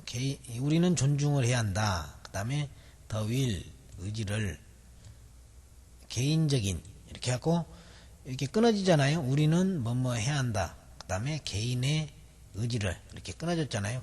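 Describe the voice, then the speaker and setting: In a recorded video lecture with long hall reverb, a male instructor with a mid-range, darkish, slightly breathy voice teaches a memory technique. He walks through it step by step, using lots of fillers.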